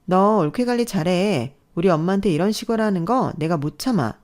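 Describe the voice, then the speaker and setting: Brief: female reader as demanding sister-in-law, sharp and clipped, radio drama. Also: on the low side, lively intonation, fairly quick, voice pushed up, lightly acted. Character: bossy adult sister-in-law, protective of her mother.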